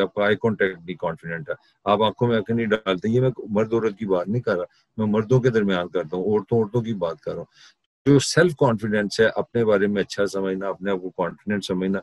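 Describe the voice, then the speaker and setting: A man's voice: on the low side, no room sound. A middle-aged man with a Pakistani Urdu accent giving a university class lecture, conversational, mixing in English terms and sarcastic asides.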